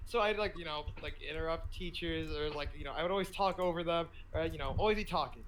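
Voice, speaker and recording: A teenage boy with a notably high voice co-hosts a casual podcast. He tells a story in loose, stop-and-start fashion, often laughing as he goes. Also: quick pace, a bit bright, a little hiss or hum, poor audio. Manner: rambling, self-interrupting storytelling with frequent laughs. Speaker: podcast co-host. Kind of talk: casual chat.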